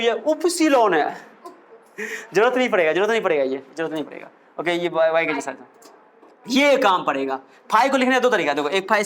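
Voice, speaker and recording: Male physics teacher, high-pitched, coaxing lecture delivery. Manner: lively, coaxing, quizzes students with questions. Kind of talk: classroom lecture.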